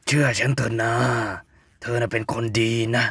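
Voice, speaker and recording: A man's voice: medium pitch, fairly even intonation, normal speed, creaky, fairly bright tone, slightly rough, no room sound, studio quality. A man doing a sleazy creepy cartoon boyfriend. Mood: wheedling. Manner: smarmy, wheedling, sleazy. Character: creepy sleazy boyfriend lurking in her room. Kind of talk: comic fan dub of a cartoon.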